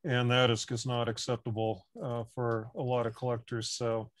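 Man in his sixties, medium pitch, dry headset sound, halting thoughtful casual talk. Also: completely flat delivery, dry recording. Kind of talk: casual discussion. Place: home workshop on a video call.

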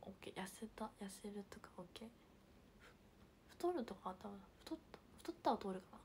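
A young woman livestreaming, chatting casually and reading viewer comments, with a hint of Hiroshima dialect and soft murmured asides. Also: mid-range voice, animated, a little fast, a little hiss or hum. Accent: picking up Hiroshima dialect. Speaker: idol livestreamer.

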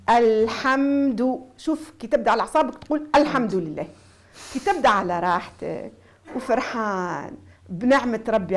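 A woman with a Tunisian accent teaches Quran recitation, and her voice sits fairly high. She explains each rule plainly, then draws out the syllables slowly to show them. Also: darkish tone. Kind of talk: TV recitation lesson.

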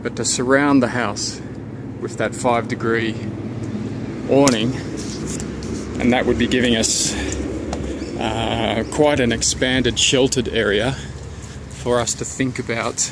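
Filming with a handheld camera in his own hands, a man talks casually through his renovation ideas as he moves outdoors under a deck and around a garden. The medium-pitched delivery is calm and slow, punctuated by pauses to rethink and restart, with a faint hiss beneath it.

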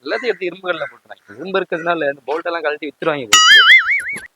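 A man with a Tamil accent, talking in hidden-camera prank banter on a park bench outdoors, complaining and ranting loudly. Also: high-pitched, huge pitch swings, racing, loud music behind the voice. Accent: Tamil Nadu.

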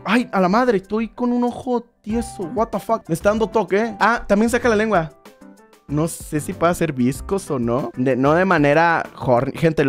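A young Mexican man streaming casually, excitable and profane, yelling at chat then mumbling quietly. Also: on the high side. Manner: excitable, swears often, shouts at chat then drops to mumbling. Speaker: VTuber streamer. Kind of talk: casual streaming chat, showing a new avatar.

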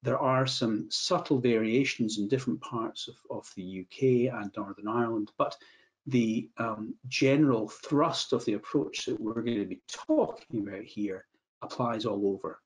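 Middle-aged Scottish male adviser, measured webinar talk over video call, restarts phrases. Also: medium pitch. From Scotland. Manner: measured, repeats words when restarting phrases. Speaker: medico-legal adviser. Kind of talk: webinar presentation. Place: indoor room, video call.

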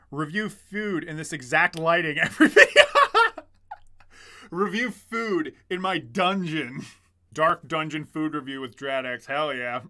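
Speaking close to a desk mic in a small, dim indoor room, a male streamer in his twenties jokes and swears while casually reading his chat. His voice is fairly high, smooth, and sharp in tone.

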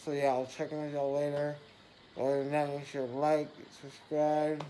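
A man's voice: fairly high pitch, monotone, normal speed, mellow. A man in his twenties vlogging casually, groggy after dental surgery, his speech muffled by gauze and rambling with repeats. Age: 20s. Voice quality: muffled, mouth stuffed with gauze. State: groggy just after wisdom tooth surgery. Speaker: vlogger, military crew chief. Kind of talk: casual handheld vlog chat. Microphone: phone at arm's length. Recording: noisy handheld phone recording.

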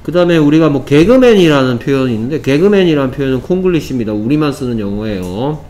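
A man's voice: mid-range voice, animated, fast, mellow. A man teaching English vocabulary to middle school students, explaining step by step and repeating key words. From South Korea. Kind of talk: vocabulary lesson.

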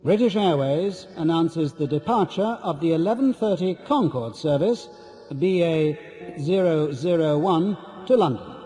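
A man's voice: a little high, animated, measured pace, dark tone, in a large hall, faint music behind. A man reading a formal boarding call over an airport intercom. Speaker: airport announcer. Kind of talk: scripted textbook announcement.

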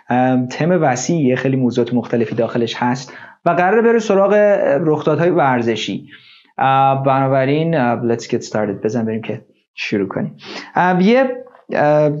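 A man with a fairly high voice teaches an online language lesson. He explains and repeats words with frequent fillers and a lively tone. The sound is a bit dull and lo-fi. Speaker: English teacher.

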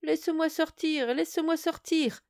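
A woman's voice: a little high, moderate pace, darkish tone, lightly acted. A woman voicing a boastful, tricky male bottle spirit in an audio fairy tale, with a thin, pleading voice that can turn menacing. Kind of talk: storybook audio reading.

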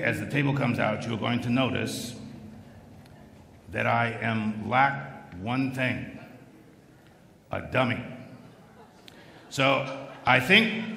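A middle-aged man doing live comedy patter as a ventriloquist, projecting like a showman with deadpan setups. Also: mid-range voice, creaky. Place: large theatre stage. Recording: echoey theatre PA, long reverb.

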